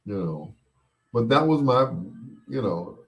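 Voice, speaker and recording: Replying to listener comments, a middle-aged man hosting a bedtime stories show chats and reminisces in a medium-pitched, sing-song voice. He rambles without hurry, often stopping and repeating himself.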